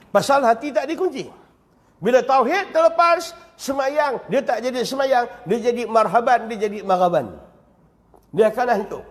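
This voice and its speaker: A man with a Malaysian Malay accent teaching a lively, joking religious lecture in a mosque. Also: very high voice. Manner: lively, joking, with acted-out examples. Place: mosque prayer hall. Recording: long reverb of a mosque hall.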